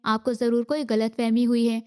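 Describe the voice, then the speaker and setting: A woman's voice: a little high, little pitch movement, darkish tone, clear, resonant tone, close to an everyday voice. A woman reading as a scolding mother-in-law. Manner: scolding, angry. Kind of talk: audiobook reading.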